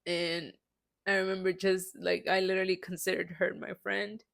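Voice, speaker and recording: Candid woman with a gravelly fry. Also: on the low side, little pitch movement, normal speed, a bit bright. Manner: rambling, confessional, keeps asking "right?". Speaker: faith vlogger. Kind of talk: candid personal faith talk.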